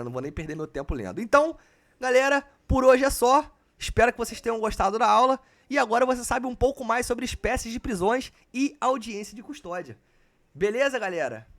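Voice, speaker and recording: A man runs a live online exam prep class. His voice sits high for a man, and he talks in a loose, slangy way with plenty of swearing, calling his students "cara" and "galera". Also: a bit bright.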